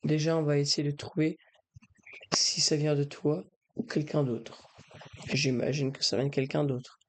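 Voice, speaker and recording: A man with a breathy voice, speaking softly in an ASMR style as he advises the listener. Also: fairly high pitch, level tone, a little slow, a little hiss or hum. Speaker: ASMR video creator. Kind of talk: soft-spoken ASMR, advising the listener directly.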